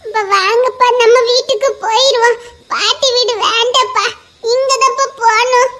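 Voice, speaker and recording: Woman doing a tearful little girl, very high-pitched. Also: steady tone, normal speed, pushed and bright. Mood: pleading. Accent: Tirunelveli Tamil. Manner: pleading, sobbing, high childlike voice. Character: small tearful girl missing her parted parents. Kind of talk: acted family drama, playing all roles.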